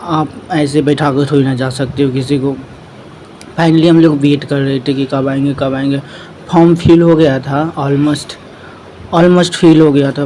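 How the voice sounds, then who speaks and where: A man's voice: a little high, dark tone, a little hiss or hum, low-quality recording. A young man narrates his vlog in a casual way and retells events with a lot of repetition. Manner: plain retelling in a loose, repetitive way. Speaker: vlogger.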